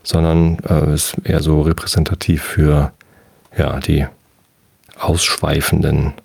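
Very low, creaky man reading bedtime stories. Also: little pitch movement, takes it slowly. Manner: rambling, many fillers, gentle. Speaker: podcast host reading aloud.

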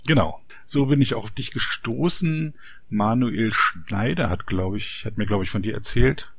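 A man hosts a podcast interview in a relaxed, conversational way. His voice is fairly low and a little husky. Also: a little slow, dry recording. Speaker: podcast host.

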